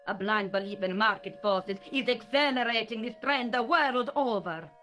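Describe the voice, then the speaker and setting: A cool French conspirator reporting to a secret council in a video game. Her voice is bright and sharp, and her manner is measured, with faint music underneath. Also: fairly high pitch.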